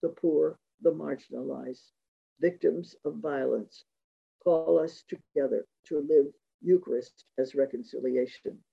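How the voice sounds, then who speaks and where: A man giving a reflective talk on religious devotion, measured and reading quotations aloud, in a dull lo-fi recording. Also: on the high side, vocal fry, husky. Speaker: speaker giving a talk on Eucharistic spirituality.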